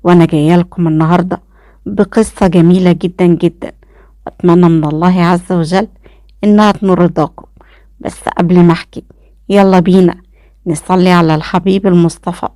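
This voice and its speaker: A woman's voice: fairly low pitch, fairly even intonation, brisk, dark tone, dry recording, clean studio sound. A woman with an Egyptian accent narrating a first-person story for her channel.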